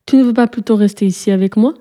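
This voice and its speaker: A woman's voice: mid-range voice, fast, close to an everyday voice. A lonely forest witch, as a woman narrator puts her on. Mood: pleading. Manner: soft, pleading. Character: lonely old female forest witch, longing.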